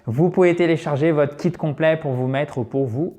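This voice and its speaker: A man's voice: on the high side, a little hiss or hum. French-speaking man teaching English pronunciation. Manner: patient, explains step by step and repeats words slowly for pronunciation; addresses viewers directly and warmly as friends. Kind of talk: online language lesson.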